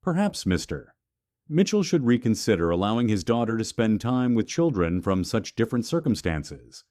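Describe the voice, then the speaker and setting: A man's voice: lowish voice, sing-song, normal speed, a little mellow, dry recording, studio quality. A man reading the part of a snobbish wealthy mother who speaks in a haughty, disdainful way.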